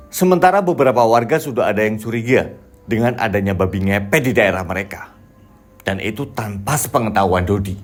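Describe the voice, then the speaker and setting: Male narrator of a spooky folk tale. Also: medium pitch. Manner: steady, measured storytelling. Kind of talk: scripted horror story narration.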